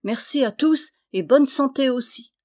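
A woman's voice: high voice, a little slow, darkish tone, pitched above the performer's own voice. A woman reading aloud, voicing a small, humble tailor who is brave, earnest and courteous.

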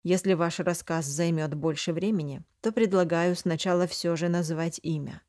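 A woman reading the lines of a stern, coldly calm male duke and mage in an audiobook. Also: fairly low pitch, moderate pace, dry recording, studio quality, lightly acted. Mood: measured. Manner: calm, cold, interrogating.

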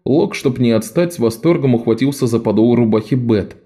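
Man, audiobook narration, mellow warm tone, mid pitch, expressive. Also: brisk.

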